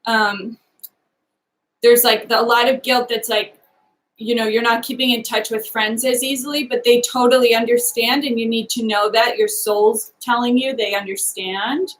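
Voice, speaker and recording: Psychic medium, woman, slightly high voice, soft and hesitant, lots of "um"s, live reading. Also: steady tone, rough recording. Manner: hesitant, halting, many fillers; speaks gently in first person for the sitter.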